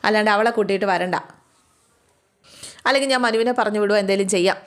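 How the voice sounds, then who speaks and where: A woman voicing a stern, resentful middle-aged mother who scolds with sharp questions. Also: mid-range voice, fast, natural voice.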